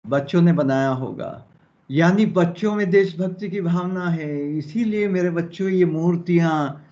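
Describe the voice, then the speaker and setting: A man's voice: on the high side, a little slow, a little mellow. A male Hindi teacher explaining a story in a lesson, checking in with his students as he goes. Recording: dull lo-fi audio.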